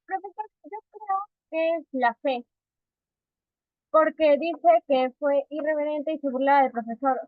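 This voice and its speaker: A woman's voice: sits high, unhurried, no room sound, phone-quality sound. A woman student answering a class question, reasoning aloud and correcting herself.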